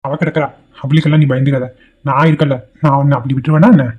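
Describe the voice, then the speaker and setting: A man voicing a young village husband who reassures his wife in quick words. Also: medium pitch, level tone, slightly rough, lo-fi sound, close to an everyday voice. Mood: reassuring. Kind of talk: cartoon voice acting. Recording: faint music underneath.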